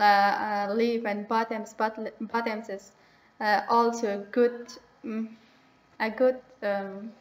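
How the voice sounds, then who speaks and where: A teenage girl from Afghanistan, speaking English haltingly and pausing often to search for words. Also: fairly high pitch, roomy sound, rough recording. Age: teens. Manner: hesitant, searching for words, many pauses. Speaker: young migrant speaking about herself. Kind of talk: halting personal monologue in a second language.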